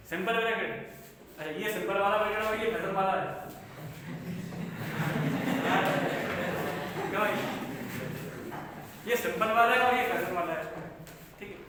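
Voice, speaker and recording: A man teaching math to a class, asking questions and joking between points. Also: high-pitched. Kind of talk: classroom lecture. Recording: echoey classroom from far off.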